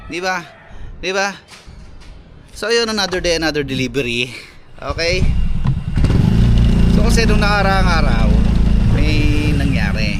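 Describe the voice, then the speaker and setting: A young delivery rider with a Filipino accent talks straight to his viewers in a casual vlog. He sounds fed up and scolding, and he leans on lots of fillers. He records outdoors on his motorbike, with loud engine and traffic noise all around him. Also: mid-range voice. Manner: exasperated, scolding, filler-heavy.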